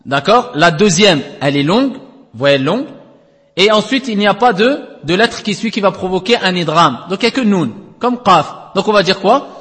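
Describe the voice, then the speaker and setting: A man with a high, bright voice and lively intonation teaches the rules of Quranic recitation at a moderate pace, his words echoing as in a large room. He walks the class through each step, often asks tag questions to confirm they follow, and draws out letters in long chants.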